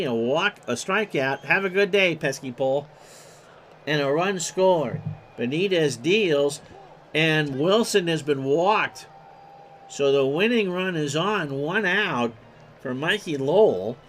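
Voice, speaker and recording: A man's voice: on the high side, fairly bright tone, a little hiss or hum. A man doing play-by-play commentary of a replayed baseball game, reeling off stats in clipped lists and erupting on big plays. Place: home streaming setup.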